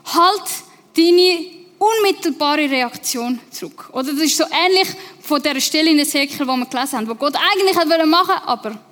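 Woman preacher, Swiss German accent, high voice, conversational sermon, long hall reverb. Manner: lively, conversational, sometimes slowing for emphasis.

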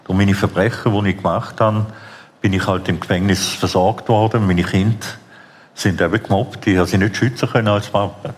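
Deep-voiced man, earnest storyteller. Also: fairly even intonation, normal speed. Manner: earnest storytelling, quotes others, hesitant restarts. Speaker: guest, former convict. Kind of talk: personal testimony in a church talk.

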